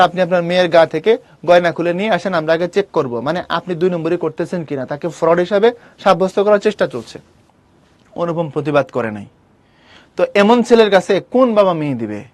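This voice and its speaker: Guy teaching a class, kinda high voice, teasing and bossy with the students. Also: no room sound. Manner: lively, teasing, scolds students directly. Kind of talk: online class lecture on a literature text.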